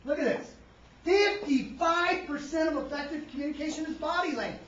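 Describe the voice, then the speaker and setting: A man's voice: very high-pitched, fairly quick. A man leading an interactive workshop. He keeps questioning the audience and tagging his points with "right?". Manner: quizzes the audience, tags lines with "right?"; energetic, varies loudness for emphasis. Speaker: seminar presenter. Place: seminar room. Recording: echoey, distant, dull room recording.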